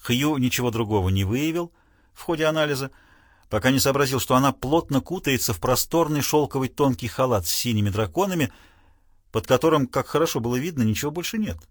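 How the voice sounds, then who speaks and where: A man's voice: mid-range voice, fast talker, dry recording, studio quality. A man narrating a novel expressively with a wry storytelling manner. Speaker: audiobook narrator. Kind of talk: scripted narration.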